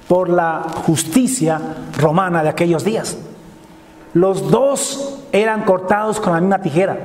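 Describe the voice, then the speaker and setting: A man with a high voice delivers a sermon, stressing each point and repeating key phrases. His voice rings through a hall with a long, echoing reverb. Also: darkish tone. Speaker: preacher.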